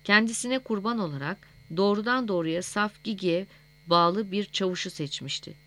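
A woman narrating a novel in a measured, scripted reading. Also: mid-range voice, a bit bright. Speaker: audiobook narrator.

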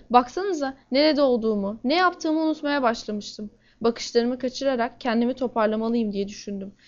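A woman reading a first-person crime novel aloud in a steady, measured way. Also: sits high, muffled recording. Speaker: audiobook narrator.

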